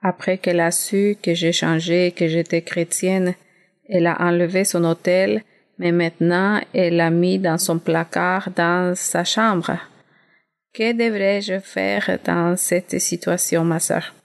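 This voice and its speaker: Woman from Guyana, congregation member asking, polite and hesitant, slow, low voice. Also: fairly even intonation, gravelly. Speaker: church member asking a question.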